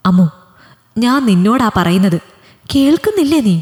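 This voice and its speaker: A woman's voice: medium pitch, normal speed, darkish tone, lightly acted. A woman voicing an anxious, desperate middle-aged mother who speaks in an urgent, pleading way in a storybook reading. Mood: stern. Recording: long hall reverb.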